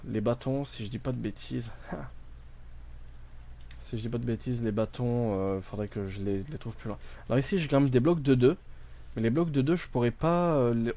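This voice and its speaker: A man's voice: mid-range voice, warm tone. A man playing a video game on stream, thinking aloud with many fillers and restarts, reading game text out and translating it. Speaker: gaming streamer. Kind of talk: casual let's-play commentary.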